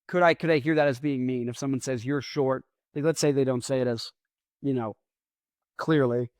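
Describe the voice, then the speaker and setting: A man with a mid-range, fairly even, slightly mellow voice hosts a podcast, rambling through a casual solo monologue at a moderate pace. He mumbles, drags out his S sounds, and pokes fun at himself, all in clean studio audio with no room sound.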